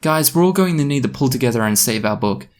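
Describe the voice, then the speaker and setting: A man voicing a melodramatic, lovesick teenage girl in a comic story reading, with a high, pleading, theatrical delivery. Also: animated, quick pace, close to an everyday voice.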